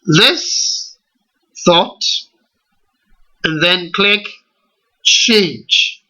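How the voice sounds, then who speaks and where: Poor audio carries a high, bright, forceful voice: a man with a Ghanaian English accent teaching a screen-recorded computer tutorial. He walks learners through it slowly and deliberately, step by step, asking rhetorical questions.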